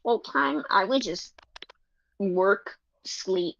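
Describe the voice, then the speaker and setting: A woman chatting casually on a voice call, playful and teasing, sometimes counting quietly under her breath. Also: mid-range voice, very slow, gravelly. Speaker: call participant. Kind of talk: casual chat. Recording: dry, muffled voice call.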